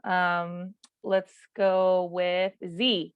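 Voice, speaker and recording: Woman coach, 30s, from New Mexico, chatty and informal, smooth voice on a dull, dry lo-fi call line. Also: fairly low pitch, very slow, no echo. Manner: relaxed and chatty, with many fillers. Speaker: volleyball coach leading a class. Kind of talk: casual class introduction on a video call. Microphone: video call mic.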